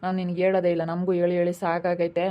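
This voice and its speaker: Casting: quick-talking scolding woman, dull lo-fi sound. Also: lowish voice, completely flat delivery. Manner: scolding, nagging. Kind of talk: home-made village drama acting.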